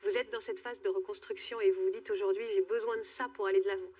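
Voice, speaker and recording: Fast-talking husky woman host. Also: mid-range voice, steady tone, darkish tone, recorded from a distance. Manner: probing questions, thinks aloud. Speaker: talk show host. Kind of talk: empathetic interviewing. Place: TV studio.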